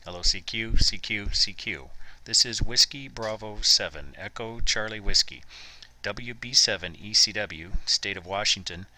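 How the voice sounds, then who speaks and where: A man calling CQ on ham radio, repeating his call sign in the phonetic alphabet in a steady rhythm. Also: on the low side, normal speed, a little hiss or hum, rough recording.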